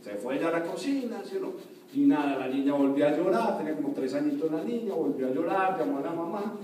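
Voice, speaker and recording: A man preaching with a slightly high, mellow voice. He tells the story conversationally, checks in with his listeners and lowers his voice to a hush for quoted lines. The sound is distant and very echoey, with faint room noise behind. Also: expressive, fast. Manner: conversational, asks the audience for agreement. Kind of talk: sermon storytelling.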